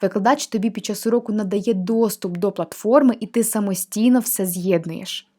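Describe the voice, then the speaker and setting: A young female teacher walks through an online course, explaining each exercise type in a friendly, patient way. Her pitch is middling, and she talks plainly and clearly. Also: normal speed, warm tone. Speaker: language teacher reviewing a course platform. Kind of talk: screen-share walkthrough of a textbook.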